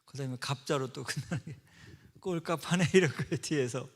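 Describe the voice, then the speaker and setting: A middle-aged male pastor preaching a sermon, telling stories and acting out quoted voices, swinging from loud outbursts to soft whispers. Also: mid-range voice, fast. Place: church sanctuary. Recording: long church-hall reverb.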